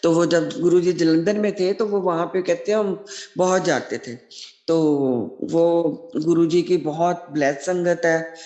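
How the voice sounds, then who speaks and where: A woman's voice: fairly low pitch, fairly even intonation, a little slow, dark tone. A middle-aged woman sharing a devotional testimony, earnest and devout, often repeating blessings. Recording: roomy echo.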